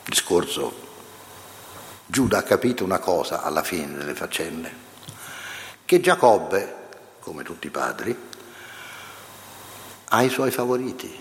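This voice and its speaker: Lively middle-aged man in an echoey hall. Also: fairly low pitch. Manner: conversational, addresses the audience directly. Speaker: lecturer. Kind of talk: public lecture with readings. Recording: echoey hall with long reverb.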